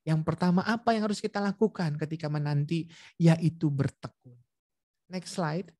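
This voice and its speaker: A man's voice: on the high side, normal speed, no room sound. Dry-voiced male preacher telling a story. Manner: lively storytelling, acting out dialogue; addresses listeners directly. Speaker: guest preacher at a prayer meeting. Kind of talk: sermon with a personal story. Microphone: video call.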